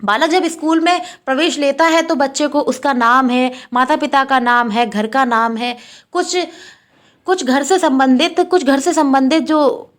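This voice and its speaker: A woman's voice: high-pitched, steady tone, measured pace. A young woman teaching an exam-prep lecture, repeating each point and asking questions she then answers herself.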